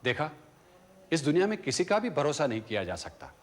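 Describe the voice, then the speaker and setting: A man's voice: fairly high pitch, huge pitch swings, a little fast. An actor playing a cheerful, money-minded man who sold his kidney, gushing in welcome and then blunt about money, in a TV serial. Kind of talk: TV serial acting.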